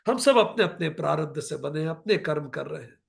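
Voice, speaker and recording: A man voicing a gentle divine prince who softly reassures his stepmother. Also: on the high side, lively intonation, fairly quick, gravelly. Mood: tender.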